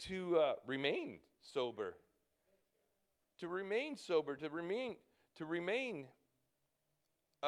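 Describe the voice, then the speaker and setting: Animated, high-pitched preaching man in his fifties. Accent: Canadian English. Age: 50s. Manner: halting, repeats words, urgent exhortations. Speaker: pastor. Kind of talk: sermon.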